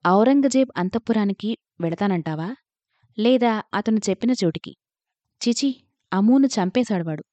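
A woman's voice: mid-range voice, lively intonation, moderate pace, long pauses, dark tone, no echo, lightly acted. A woman reading the lines of a bewildered young daughter, questioning and hurt. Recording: dull lo-fi recording.

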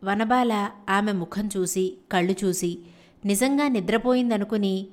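A woman storyteller reading a children's fairy tale aloud in a steady, unhurried way. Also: mid-range voice.

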